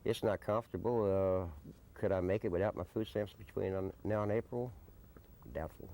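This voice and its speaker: Speaking at a moderate pace, a plain-spoken American man with a low, mellow voice answers documentary interview questions without a script. He lives at the informal desert camp where it was filmed on location, on noisy early 1990s field video.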